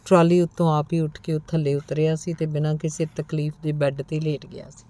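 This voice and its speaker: Low, mellow woman reading a story. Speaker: audiobook narrator. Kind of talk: narrated short story reading.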